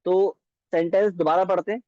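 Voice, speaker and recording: A man teaching beginner Arabic in a patient lesson, repeating words slowly and often asking if it is clear. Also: sits high, steady tone, dry recording, lo-fi sound.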